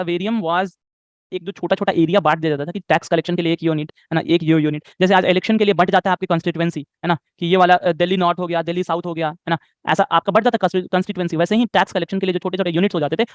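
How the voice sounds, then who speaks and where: Young male history teacher, high voice, dry close sound, Hindi-lecture, keeps asking if it's clear. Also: steady tone, very fast, no room sound. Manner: Hindi-English code-switching, asks "clear?" often; self-corrects pronunciation, restarts words. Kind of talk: live online class lecture.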